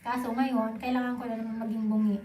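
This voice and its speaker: High-voiced Filipino woman live-streaming, echoey room. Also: little pitch movement, quick pace, mellow, a little hiss or hum. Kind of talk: casual chat with live viewers.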